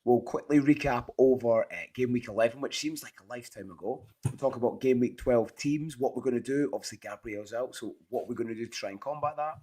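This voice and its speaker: A Scottish man with a hoarse, half-lost voice, chatting casually and enthusiastically as host of a fantasy football show. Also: mid-range voice, a little fast, hardly any pauses, dark tone. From Scotland. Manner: matey, rambling, enthusiastic. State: hoarse, voice partly lost from shouting. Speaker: podcast host.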